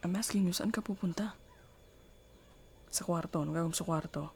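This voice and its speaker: In a slightly noisy clip, a woman with a Filipino accent and a fairly low, husky, breathy voice close to an everyday tone plays a jealous, domineering girlfriend in an intimate ASMR roleplay. Sounding hurt and accusing, she scolds her partner with slow, deliberate questions and commands, switching between Tagalog and English.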